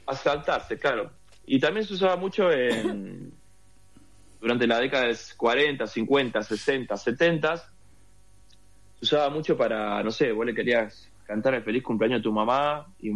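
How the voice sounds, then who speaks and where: Speaking Rioplatense Spanish, an Argentine interview guest spins a long, rambling tale loaded with fillers in casual conversation. His medium-pitched voice has vocal fry and a fairly bright tone, moving at normal speed.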